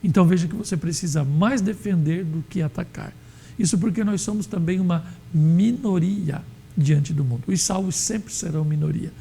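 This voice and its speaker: Male Bible teacher from Brazil, gravelly and dark-toned, measured lecture with fillers. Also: sits high. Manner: measured, explanatory, with many fillers. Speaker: Sunday school teacher.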